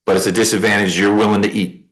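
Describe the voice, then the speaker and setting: A man's voice: lowish voice, little pitch movement, fast talker, a bit bright. A man speaking as a judge, explaining procedure in a plain, conversational way and checking that he is understood. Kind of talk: informal courtroom explanation. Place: courtroom.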